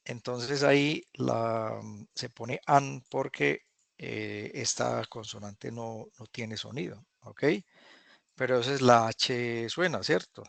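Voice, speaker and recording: Man, very gravelly voice, dry sound, online English teacher, patient, repetitive drilling. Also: mid-range voice, fairly bright tone, no echo. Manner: patient, repeats phrases slowly for drilling. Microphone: video call.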